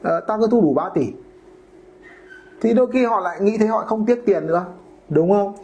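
High-voiced man in a casual podcast talk. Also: moderate pace, darkish tone, dull audio. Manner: colloquial, acts out homeowners and brokers in quoted voices. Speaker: podcast host, real estate broker.

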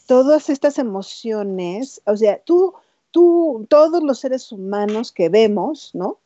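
A woman's voice: on the high side, animated, takes it slowly, mellow, no echo, dull audio. A woman hosting an interview, talking with enthusiasm and often adding tag questions. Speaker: host. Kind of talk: casual interview chat.

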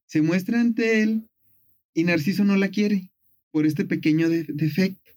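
A man casually retelling a myth on a talk show. His voice sits a bit high, and he tells the story playfully, with plenty of fillers. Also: unhurried, darkish tone.

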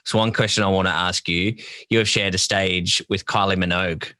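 A podcast host, a man with a very low voice and a bright, forceful edge, asks questions in a relaxed and friendly way. He laughs easily as he talks. The sound is dry and close to the mic. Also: brisk, no room sound. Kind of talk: casual conversational interview.

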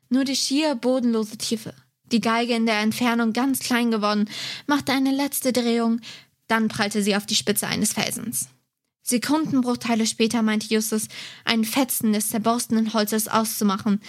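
A woman reading a detective story aloud in a steady, measured way. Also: a little high. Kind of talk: reading a novel excerpt aloud.

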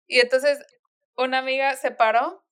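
A woman's voice: high-pitched, fairly even intonation, normal speed, a bit bright, clean tone. A young woman telling stories in a casual chat, full of fillers and laughs. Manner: chatty storytelling with frequent laughs and fillers.

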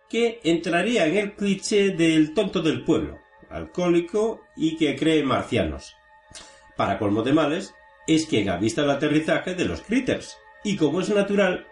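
Lively Spanish man in echoey room. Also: on the high side, moderate pace, soft background music. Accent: Spain. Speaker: film show co-host. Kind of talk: scripted plot summary and casual discussion. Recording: roomy, echoey sound.

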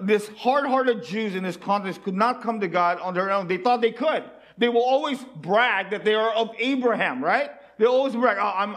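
High-voiced man preaching a sermon. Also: fairly bright tone. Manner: rhetorical questions to the listeners; earnest, pleading delivery.

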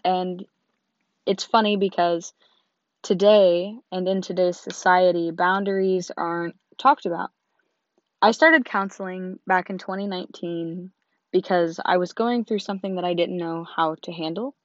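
Hoarse young woman, chatty and earnest. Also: on the low side, steady tone, a little slow, dry recording. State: hoarse, lost voice. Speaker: host. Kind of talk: casual talk to camera. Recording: dull lo-fi, dry.

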